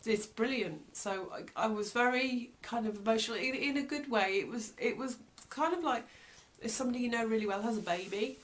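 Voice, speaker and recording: A woman's voice: fairly high pitch, brisk, few pauses. A British woman talking casually in a personal video diary, reflective and hesitant, often trailing off mid-thought. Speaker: vlogger.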